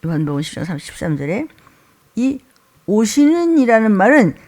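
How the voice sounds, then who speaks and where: A woman pastor preaching a sermon in a church, animated and acting out the crowd's shouts as she searches aloud for words. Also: medium pitch, normal speed.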